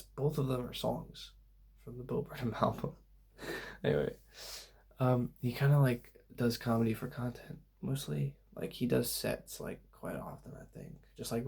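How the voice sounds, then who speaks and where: Young guy soft-spoken asmr rambling, super gravelly husky voice, drifts around lazily. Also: medium pitch. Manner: meandering, laid-back, many fillers. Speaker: ASMR channel host.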